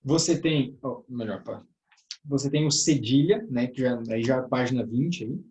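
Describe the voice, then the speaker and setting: A man's voice: mid-range voice, normal speed, darkish tone, a little hiss or hum. A man teaching a classroom grammar lesson in a southern Brazilian accent. He explains step by step, often ends phrases with a checking "tá?" or "né?", and addresses his listeners as brothers. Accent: southern Brazilian Portuguese. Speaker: teacher of a church workers' course. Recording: echoey room.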